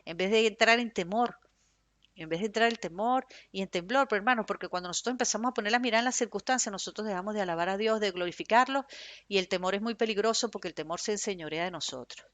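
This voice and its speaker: A woman preaching a fervent, emphatic sermon in Spanish with a Venezuelan accent, speaking in a loud tone. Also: medium pitch, fast talker, no echo.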